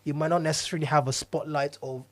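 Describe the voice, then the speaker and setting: A man's voice: fairly high pitch, fairly even intonation, fast. A man from Nigeria co-hosting a podcast in casual chat, speaking earnestly and often restarting his phrases. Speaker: podcast co-host, diversity consultant.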